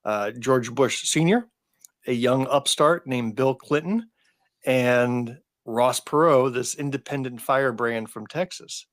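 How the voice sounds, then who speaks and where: A man's voice: mid-range voice, slow pace, no echo, studio quality. A man in his fifties, co-hosting a podcast in casual chat and telling rambling, anecdotal stories. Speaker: podcast co-host.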